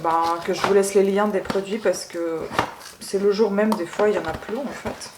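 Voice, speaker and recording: A woman's voice: medium pitch, steady tone, normal speed, background noise. Gushing woman in an echoey room. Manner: gushing, keeps saying she loves it; hesitant, many filler sounds. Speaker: beauty vlogger. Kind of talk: casual unboxing vlog.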